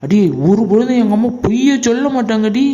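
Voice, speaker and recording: A woman's voice: on the high side, fast, warm tone, highs cut off, lightly acted. A woman voicing a rude grumpy young husband. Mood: accusing. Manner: rude, barking. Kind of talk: cartoon voice acting.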